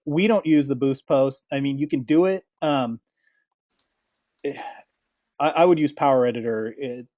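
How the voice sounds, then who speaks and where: A man hosting a webinar, reading out questions and answering them casually, with lots of fillers and a relaxed, hesitant manner. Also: medium pitch, normal speed, long pauses, dry recording. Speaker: webinar host. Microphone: computer mic over an online call. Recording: dull, dry online call audio.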